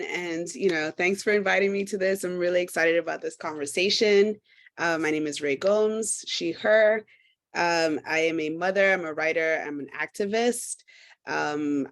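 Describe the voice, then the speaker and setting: A woman from Trinidad introducing herself on a panel as a food equity consultant, engaged, with frequent fillers. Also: low-pitched. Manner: warm, engaged, many fillers, light laughs.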